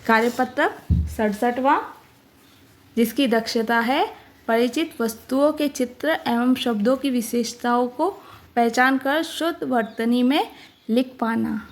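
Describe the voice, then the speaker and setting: A woman teacher walks through a workbook at an unhurried pace, slightly high in pitch. She sounds out each word carefully, one at a time. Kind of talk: explaining a workbook.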